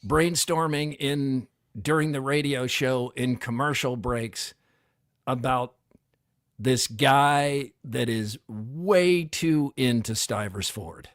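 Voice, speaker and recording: A middle-aged man co-hosts a casual talk show, telling stories and acting out quotes. His mid-range voice takes it slowly, captured in clean studio sound without echo.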